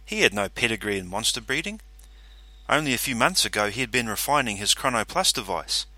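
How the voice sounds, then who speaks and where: Audiobook narrator, male, low voice with a bright forceful edge, dry close sound. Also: no room sound. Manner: steady, measured storytelling. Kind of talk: scripted narration.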